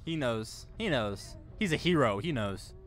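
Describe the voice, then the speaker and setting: A young man hosts a reaction video, offering casual, sweary commentary in a medium-pitched, expressive voice that runs a little slow and a bit bright. He sits at a desk in a small room, recorded close on a condenser mic with a pop filter, with faint music behind him.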